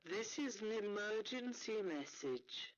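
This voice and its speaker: Slow woman's voice over an intercom. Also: medium pitch, animated. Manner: measured, repeating the same message. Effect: colony intercom broadcast. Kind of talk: recorded emergency announcement. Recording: muffled lo-fi intercom with faint hiss.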